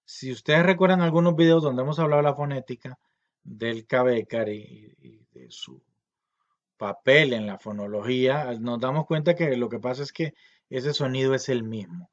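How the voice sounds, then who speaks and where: A man giving a recorded grammar lesson, explaining patiently with many fillers and slowly repeating example words. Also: medium pitch, lo-fi sound. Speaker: language teacher.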